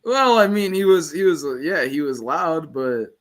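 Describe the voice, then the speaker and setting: A man co-hosting a combat sports podcast, answering his louder partner in a calm, level voice. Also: a little high, normal speed. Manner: calm, even, called monotone. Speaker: podcast co-host. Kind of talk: sports debate.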